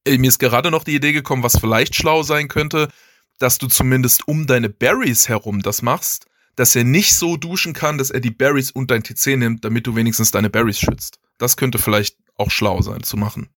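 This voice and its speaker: A man's voice: medium pitch, moderate pace, a bit bright, no echo, studio quality. A man, casually explaining video game strategy, thinking aloud with restarts and chuckles. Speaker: guest strategy player.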